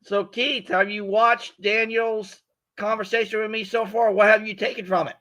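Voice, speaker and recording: A man's voice: high-pitched, flat delivery, moderate pace, bright, forceful tone. A man hosting a live stream interview, enthusiastic and stumbling over repeated words as he asks questions. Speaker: host. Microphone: video call.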